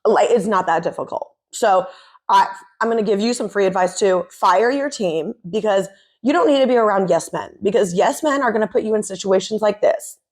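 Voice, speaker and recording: A woman's voice: mid-range voice, a little fast, darkish tone. A woman giving opinionated commentary, exasperated and sarcastic. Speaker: commentary vlogger.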